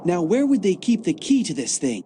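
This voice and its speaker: A man voices a chatty, enthusiastic young field agent in a video game, eager and fond of gags about gadgets and the cold. His voice sits high with big pitch swings at a normal speed. Though captured on a dry studio mic, the background is noisy.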